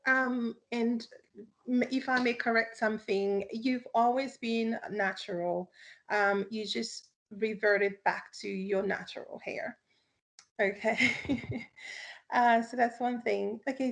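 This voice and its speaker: A woman hair specialist speaks on a panel in a slow, gravelly voice. She pauses often as she explains. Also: a little high. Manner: unhurried, many "um" pauses. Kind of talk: panel discussion.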